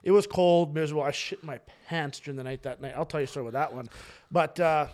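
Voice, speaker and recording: A man co-hosting a casual podcast, telling a long story with rapid, tumbling speech. His voice sits on the higher side for a man. He rambles, restarts and swears freely. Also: a little mellow. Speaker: podcast co-host.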